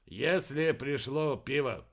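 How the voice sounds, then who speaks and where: A man's voice: mid-range voice, slow pace. A man voicing a grumpy, tired young man who grumbles dryly. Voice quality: grumbling, dry.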